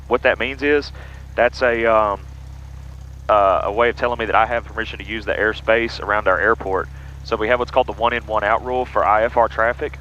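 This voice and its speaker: Bright-voiced male pilot in a muffled cockpit. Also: fairly low pitch. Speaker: pilot and flight vlogger. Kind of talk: casual explanatory cockpit narration with radio calls. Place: small airplane cockpit. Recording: muffled cockpit audio with engine noise.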